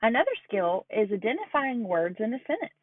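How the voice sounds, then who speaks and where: A woman giving a recorded lecture on early reading skills, slowing down to model sounds and words carefully. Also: fairly high pitch, big pitch swings, no echo. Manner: slow, deliberate modeling of sounds. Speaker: teacher educator. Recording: dry, phone-like lo-fi audio.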